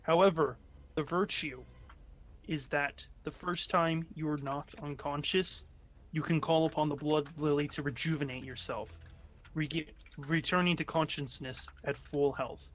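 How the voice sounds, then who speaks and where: A man narrating a tabletop game as game master, often halting and correcting himself. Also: fairly high pitch, fairly even intonation, a bit bright. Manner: halting, self-correcting delivery.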